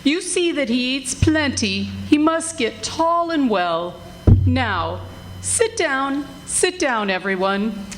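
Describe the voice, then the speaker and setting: Woman acting Mrs Cratchit, high-voiced fussing mother. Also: big pitch swings, a little hiss or hum, exaggerated voice, poor audio. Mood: bustling. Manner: motherly, emphatic, drawn-out delivery. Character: warm, fussing, sharp-tongued working-class mother, Mrs Cratchit. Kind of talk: live radio play acting. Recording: music behind live stage performance.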